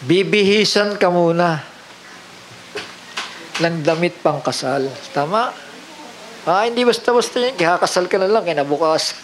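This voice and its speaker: A man's voice: high-pitched, unhurried, pauses often, a bit bright, a little hiss or hum, low-quality recording. A man preaching a sermon, mixing in English phrases and often asking the congregation rhetorical questions.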